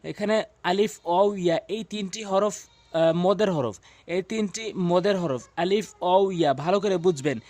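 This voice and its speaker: A man's voice: high voice, normal speed, a little mellow, no echo. A man teaching Quran reading in a video lesson, repeating each rule and drilling syllables aloud, with hesitant fillers between phrases. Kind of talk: spoken tutorial lesson.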